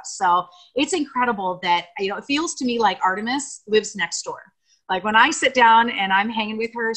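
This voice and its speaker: A woman's voice: mid-range voice, fairly bright tone, low-quality recording. An American woman on a video call giving an emotional, gushing tribute to a friend, rambling with fillers. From United States. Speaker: guest speaker on video call. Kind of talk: heartfelt tribute speech.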